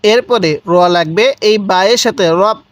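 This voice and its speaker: A man teaching Quran reading, spelling out letters and syllables slowly and repeating each one for the learner. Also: high voice, dry recording. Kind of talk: slow spelled-out recitation lesson.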